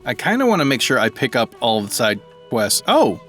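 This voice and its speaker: A man's voice: medium pitch, huge pitch swings, normal speed, a bit bright, faint music behind. A man giving casual let's-play commentary, thinking aloud and rambling as he plays. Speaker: gaming video creator.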